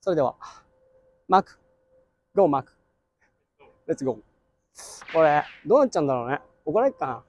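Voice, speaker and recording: Playful male vlogger with lively, swinging pitch. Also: fast talker, long pauses. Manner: playful, repeats short phrases. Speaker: host of a street stunt video. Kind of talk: casual outdoor vlog chat. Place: city street and plaza at night, outdoors.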